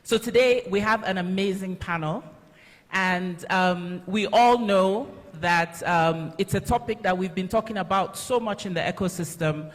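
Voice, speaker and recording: A woman's voice: mid-range voice, unhurried. A woman moderates a conference panel, addressing the room as its host. Her voice rings through a reverberant hall.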